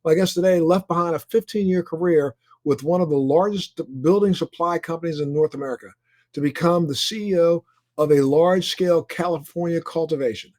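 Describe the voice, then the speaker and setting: Male podcast host, a bit high-pitched, upbeat, repeats his questions. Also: a little fast, a little mellow. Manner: eager, piles up repeated questions. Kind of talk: casual interview.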